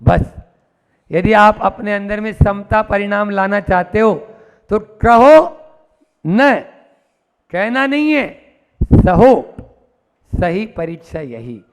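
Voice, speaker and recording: A man's voice: high voice, animated, slow, long pauses, smooth. A man giving a sermon, telling stories and acting out their characters, repeating key phrases for emphasis. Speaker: Jain monk preacher. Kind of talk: sermon with storytelling.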